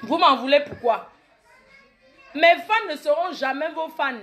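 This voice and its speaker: Faint music plays behind a comedic vlogger in her late thirties whose high, slightly bright voice moves at an unhurried pace. With a Cameroonian French accent, she boasts brashly and mocks her critics in a comedy monologue.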